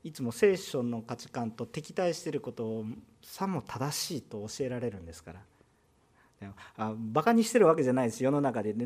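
A man with a Kansai Japanese accent preaches a sermon in a church. His pitch swings widely as he talks, and he keeps it conversational, using rhetorical questions and quick asides to the congregation. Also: a little mellow. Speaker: pastor.

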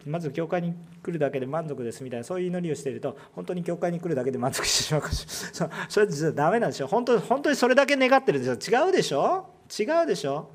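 Animated preaching man, Kansai accent. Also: fairly high pitch, creaky, a little hiss or hum. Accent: Kansai Japanese. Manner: animated preaching, swinging between loud emphatic and hushed lines; rhetorical questions to the congregation. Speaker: pastor. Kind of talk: sermon.

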